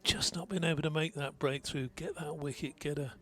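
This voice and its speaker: A man's voice: a little high, steady tone, brisk, a bit bright. A man co-commentating on cricket for radio, with easygoing, teasing banter.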